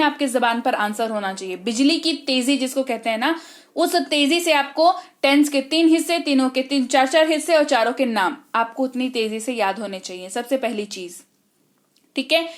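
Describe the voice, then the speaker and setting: A Hindi-speaking woman with an Indian accent and a high voice gives an online English lesson. She moves briskly, drilling one term after another and repeatedly checking that her students are keeping up.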